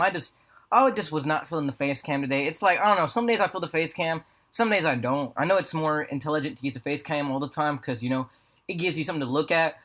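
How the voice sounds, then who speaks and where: Fast, higher-voiced American guy rambling. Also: fairly bright tone. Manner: rambling, slangy, profane. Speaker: video creator. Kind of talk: casual storytelling vlog. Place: apartment room with a fan running. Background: fan hum.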